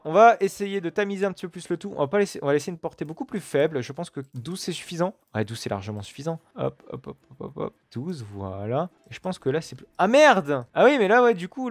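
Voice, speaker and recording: A man's voice: on the high side, sing-song, fairly quick, dry recording. A man giving casual, chatty let's-play commentary at his computer. He swears often and keeps addressing viewers with fillers and asides. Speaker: gaming video creator. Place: at his computer while recording gameplay.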